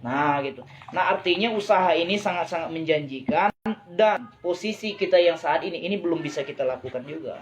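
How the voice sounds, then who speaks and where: This motivational business speaker has a fairly high pitch and talks fairly quickly. Addressing a live online audience, he tries to persuade them, often asking whether they agree and repeating phrases for emphasis.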